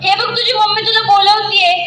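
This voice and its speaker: A woman's voice: very high voice, moderate pace. A woman playing an anxious young village mother who pleads and cries in a drama. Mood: desperate. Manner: pleading, crying. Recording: echoey room, distant mic, noisy.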